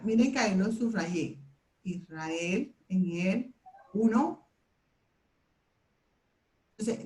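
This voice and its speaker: Woman, fairly high voice, classroom teacher, step-by-step explaining, echoey room. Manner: explains step by step, leads group recitation. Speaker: Bible memorization teacher. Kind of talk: classroom lesson.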